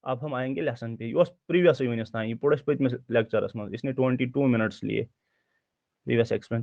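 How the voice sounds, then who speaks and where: A man teaching a recorded lecture, explaining slowly, repeating words and checking in with his students. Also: mid-range voice, no echo. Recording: dull dry lo-fi recording.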